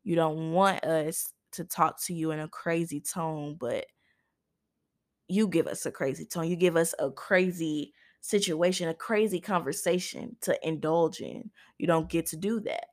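Young woman, low-pitched, impassioned, emphatic, repeats herself, solo commentary. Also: unhurried, a little mellow. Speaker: podcast host. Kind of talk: personal commentary monologue.

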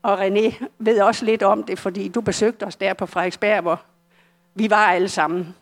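Older danish lady telling her story in church, earnest, stops and restarts a lot, middle-pitched voice. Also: fairly even intonation. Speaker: church testimony speaker. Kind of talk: personal testimony in a church service.

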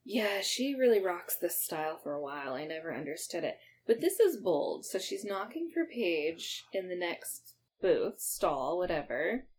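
A woman co-hosting a podcast, animated and amused as she recaps a TV episode, laughing readily. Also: fairly low pitch, unhurried, hardly any pauses, slight background noise. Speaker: podcast co-host. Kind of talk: casual chat recapping a TV episode.

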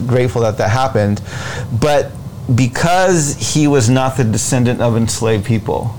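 American man explaining deliberately, noisy background. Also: medium pitch, a little mellow. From United States. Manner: deliberate, emphatic, repeats phrases in lists. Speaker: interview guest, presidential candidate. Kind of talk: explanatory political interview talk. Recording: noticeable background noise.

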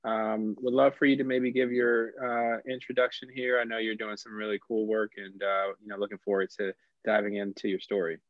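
A man's voice: fairly low pitch, little pitch movement, brisk, no echo. A man hosting an interview, asking long, rambling questions full of fillers. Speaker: interview host. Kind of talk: remote interview. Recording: dry, dull lo-fi audio.

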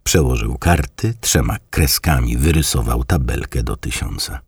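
A man narrating an audiobook in a measured, even storytelling manner. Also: a bass voice, gravelly, slightly rough, no echo, studio quality. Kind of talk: scripted narration.

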